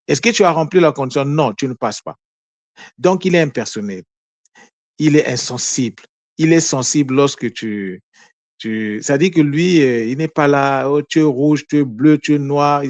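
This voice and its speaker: A man's voice: medium pitch, no room sound. A man explaining the meaning of a word as a spiritual teacher, often stumbling over repeated words as he searches for phrasing and answering his own questions. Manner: asks himself questions then answers them.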